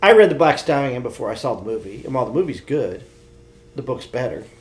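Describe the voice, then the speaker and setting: A man co-hosts a podcast, chatting casually and bluntly about pop culture with strong opinions. His mid-range voice moves quickly and swings widely in pitch.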